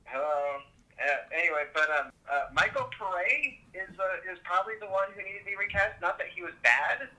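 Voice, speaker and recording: A man's voice comes through a speakerphone, very bright and sharp, pitched a little high. He talks in loose, hesitant casual banter, leaning on fillers and swearing freely. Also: a little fast, poor audio. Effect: heard over speakerphone. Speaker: podcast co-host calling in.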